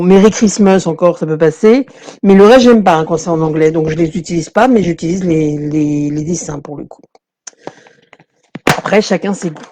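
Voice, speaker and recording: Chatty woman demonstrating crafts, mellow voice. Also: fairly low pitch, slight background noise. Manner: chatty, digressive, many fillers and restarts. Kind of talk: casual live craft tutorial.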